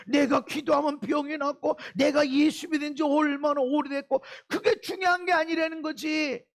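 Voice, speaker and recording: A man's voice: extremely high pitch, gravelly. A man preaching a sermon as a pastor, emphatic, throwing out rhetorical questions and calls of amen. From South Korea. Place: church sanctuary.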